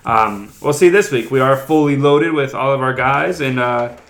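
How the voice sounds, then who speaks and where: A man hosting a casual sports betting podcast, rambling and explaining bets in a relaxed way. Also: mid-range voice, moderate pace. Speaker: podcast host.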